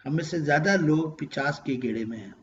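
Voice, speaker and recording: Guy preaching a quran lecture, high voice that swings all over, kinda dull recording w faint hiss. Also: expressive. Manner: emotional, swings from loud to hushed, quotes verses in Arabic. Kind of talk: religious lecture.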